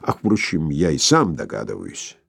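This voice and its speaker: A man reading an audiobook voices a weary, dignified older professor who speaks in a measured way. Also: very deep voice, wildly swooping pitch, gravelly, fairly bright tone, slightly rough, dry recording, studio quality, pitched below the performer's own voice, full character voice. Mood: wry. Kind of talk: audiobook character voice.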